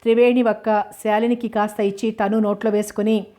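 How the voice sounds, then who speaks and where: Woman narrating a novel, flat delivery. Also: medium pitch, brisk.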